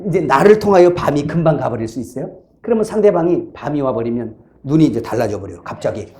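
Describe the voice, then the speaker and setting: A man's voice: fairly high pitch, expressive, quick pace, dark tone. A man preaching a sermon as pastor in a conversational way, acting out quoted inner voices.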